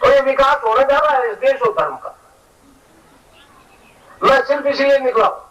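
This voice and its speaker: A man's voice: extremely high pitch, normal speed, a bit bright, muffled recording. A man giving an earnest preaching talk as a spiritual teacher, repeating key phrases. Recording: voice heard from a distance.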